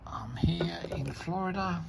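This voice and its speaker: A man's voice: fairly high pitch, unhurried, creaky, very noisy. A man chatting casually as he reviews a beer, rambling and enthusiastic as he tastes. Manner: rambling, enthusiastic tasting remarks.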